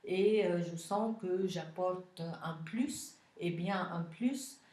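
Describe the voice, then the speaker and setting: A woman's voice: lowish voice, a little mellow. Lebanese-accented woman, roomy sound. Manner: thoughtful, many pauses and hesitations. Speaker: Paris city councillor. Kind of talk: interview answers.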